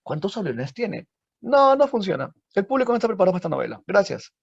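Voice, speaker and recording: A man putting on a brusque, dismissive book publisher who turns a writer away, in a husky, gravelly voice on a dull lo-fi recording. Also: high-pitched, sing-song, quick pace, no room sound, voice pushed up, heavily acted. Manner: curt, brushing off.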